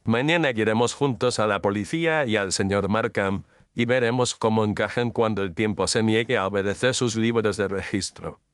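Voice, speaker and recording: A man playing Sherlock Holmes as a composed, incisive Victorian detective, speaking formally and deliberately in an audio drama. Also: lowish voice, clear, resonant tone, dry recording, close to an everyday voice. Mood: assured. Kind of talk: Spanish audio drama mystery acting.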